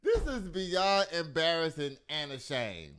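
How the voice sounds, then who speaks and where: A man with an American accent hosts casual comic news commentary, animated, colloquial and full of mocking exclamations. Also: fairly high pitch, unhurried, a crowd in the background. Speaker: talk show host.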